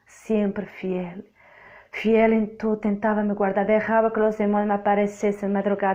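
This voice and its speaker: A woman's voice: mid-range voice, warm tone, lo-fi sound. A woman from Portugal with a Portuguese accent, Portuguese native, giving an emphatic, repetitive spoken testimony sermon. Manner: emphatic, repeats phrases for effect.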